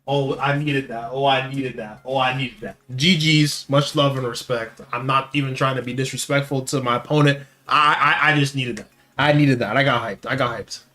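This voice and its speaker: A young man giving live commentary on his card game, muttering one moment and yelling taunts the next, repeating his hype lines. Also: mid-range voice, steady tone, normal speed, hardly any pauses, faint music behind. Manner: hype, repeats taunting phrases, swings from quiet muttering to shouting. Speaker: gaming channel host. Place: home gaming setup with monitor.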